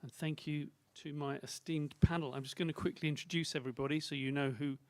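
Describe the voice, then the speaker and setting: A man with a fairly high voice moderates a conference panel, reading out each speaker's titles formally and pausing with small fillers. He is close to the microphone in a conference room, and the sound is dry. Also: fairly even intonation, no room sound.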